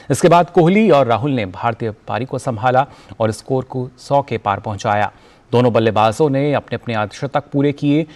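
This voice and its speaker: Formal male news anchor. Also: mid-range voice. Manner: measured, formal delivery. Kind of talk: scripted news reading.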